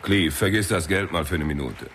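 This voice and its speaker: Low, dry male narrator-detective. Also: lively intonation, brisk, a bit bright, slight background noise. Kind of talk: radio drama narration.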